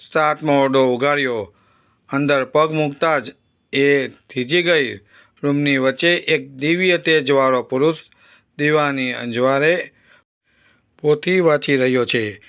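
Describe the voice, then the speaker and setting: A man narrating a devotional folk story in a calm, measured storytelling voice. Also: mid-range voice.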